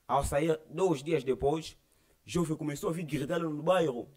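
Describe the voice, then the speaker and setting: A man's voice: a little high, unhurried, a little mellow. Young Angolan-accented man telling his faith testimony earnestly, voicing each quoted line. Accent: Angolan Portuguese. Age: young adult. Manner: earnest storytelling that acts out quoted dialogue. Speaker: church member giving testimony. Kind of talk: personal religious testimony.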